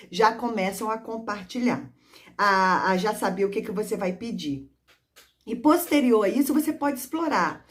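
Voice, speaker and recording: A woman literacy teacher giving practical tips to other teachers, acting out classroom prompts as she explains. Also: medium pitch. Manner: demonstrative, sings and acts out classroom prompts; addresses listeners as "gente".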